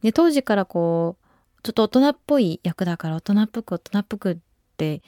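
A woman in her twenties hosting a radio show, chatting casually and relaxed, with frequent soft asides. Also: mid-range voice, brisk, no echo, clean studio sound. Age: 20s. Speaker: radio host. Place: radio studio. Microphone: studio microphone.

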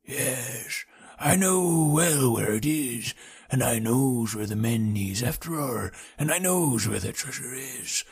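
Man putting on a wheezing old sailor, gravelly and stubborn. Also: medium pitch, lively intonation, full character voice. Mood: petulant. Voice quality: gravelly, breathy, slow. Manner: petulant, obstinate, halting. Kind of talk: audiobook character reading.

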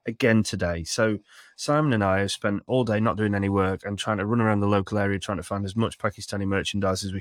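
A man in his thirties hosting a casual sports chat podcast, with a teasing, sweary way of talking, keeping it fairly quiet. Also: fairly low pitch, no room sound, studio quality. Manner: speaks quietly at home late at night. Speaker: podcast host.

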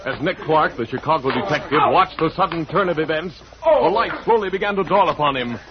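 A man's voice: a little high, expressive, fairly quick, over a noisy crowd. An American man narrating an old radio western in a dramatic scripted style, on a muffled broadcast recording.

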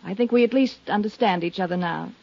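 An actress playing a guarded, defensive widow in an old radio drama, speaking in a cool, controlled way. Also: female voice, mid-range voice, fairly quick, vocal fry, darkish tone. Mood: wounded. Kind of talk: 1950s radio drama acting. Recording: dull lo-fi old radio broadcast.

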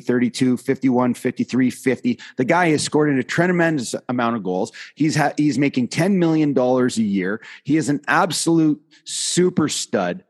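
A man's voice: medium pitch, a little mellow, breathy edge. Emphatic man arguing hockey on a podcast. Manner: emphatic, lists stats to make his point. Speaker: podcast host, former hockey player. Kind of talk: casual sports debate.

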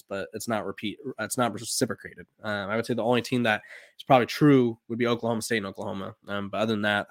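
Recorded dry at studio quality, this sports podcast host is a man in his twenties with a lowish voice. He rambles casually, leaning heavily on fillers, repeated "um"s and restarts.

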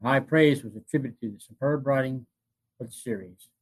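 A man in his fifties hosting a retrospective, narrating from notes in a halting way and often repeating phrases. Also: medium pitch, rough recording. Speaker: host. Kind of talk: semi-scripted narration of TV show retrospective.

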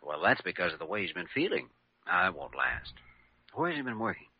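An actor playing an earnest, courteous young hospital doctor with an American accent in a classic radio drama. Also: male voice, on the low side, wildly swooping pitch, fairly quick, creaky, husky, full character voice. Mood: businesslike. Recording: muffled old radio recording, faint noise.

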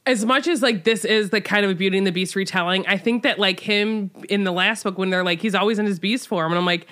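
A woman's voice: medium pitch, quick pace, a bit bright. A woman co-hosting a book-club podcast, playful and teasing in casual chat. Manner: playful, teasing, laughs often. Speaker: podcast co-host.

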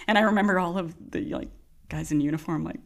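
A woman's voice: on the low side, a little fast, vocal fry. Laughing woman telling a work story. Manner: animated, laughing, acts out voices in her stories. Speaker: podcast guest, nurse. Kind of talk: casual storytelling chat.

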